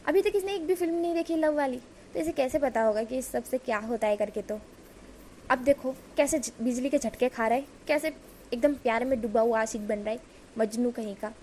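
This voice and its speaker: A woman's voice: a little high, fairly quick, darkish tone, slight background noise, lightly acted. A woman voicing a boastful young man who teases his brother and stammers when he is questioned. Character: cocky young man, teasing older brother.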